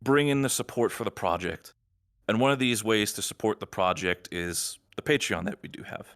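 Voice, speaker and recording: Low-voiced man giving a rambling update. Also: lively intonation, normal speed, a bit bright. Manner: rambling, reassuring explainer. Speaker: admin team member. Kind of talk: podcast status update.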